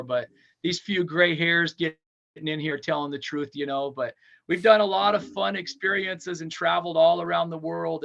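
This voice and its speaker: Man in his forties, gravelly voice, somewhat high pitch, upbeat and rambling, dull lo-fi audio. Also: a bit bright. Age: 40s. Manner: upbeat, rambling, talks fast in long runs. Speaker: touring metal band frontman, podcast guest. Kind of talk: casual interview chat.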